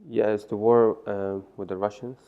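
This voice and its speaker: A deep, gravelly-voiced man from Afghanistan, whose first language is Farsi, speaks flatly at a moderate pace. As a guest in a personal story interview, he sounds hesitant, full of fillers and restarts, and the recording is muffled and lo-fi.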